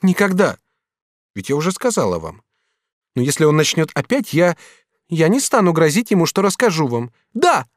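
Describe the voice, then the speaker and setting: A high, lively young maidservant, as a man acts her out, devoted and quick to take offence. Her lines leap and fall as she pleads and protests. The sound is close and dry, with no room around it. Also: dry recording. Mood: teasing. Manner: emphatic, pleading, rising exclamations. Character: young woman servant, devoted, proud, quick-tempered. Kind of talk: audiobook character reading.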